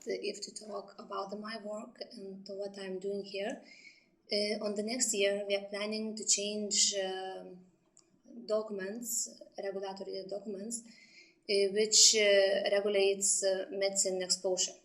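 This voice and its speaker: A woman's voice: mid-range voice, little pitch movement, a little slow, fairly bright tone, poor audio. A woman from Lithuania, answering interview questions in English, hesitating as she searches for words. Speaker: radiation protection specialist.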